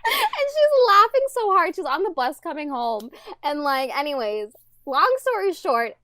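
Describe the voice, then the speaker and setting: A woman's voice: high voice, sing-song, normal speed, a bit bright, dry recording. Chatty young woman, rambling storyteller. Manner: rambling storyteller, many fillers and laughs. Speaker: podcast co-host. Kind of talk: casual chat.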